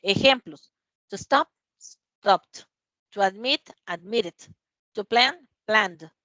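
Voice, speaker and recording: A woman's voice: medium pitch, animated, bright, forceful tone, no room sound. Woman teacher reading English examples. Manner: reads English examples aloud slowly, checks with "¿verdad?". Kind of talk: classroom grammar explanation. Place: classroom.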